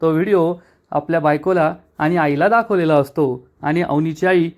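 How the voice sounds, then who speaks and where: A man recaps a TV serial episode, telling the story in a steady, even manner. His voice sits noticeably high for a man. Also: moderate pace.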